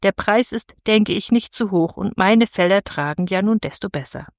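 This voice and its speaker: A woman's voice: medium pitch, normal speed, no echo, clean studio sound, close to an everyday voice. A woman voicing a cheerful young male farmer in a storybook, hearty and plain-spoken.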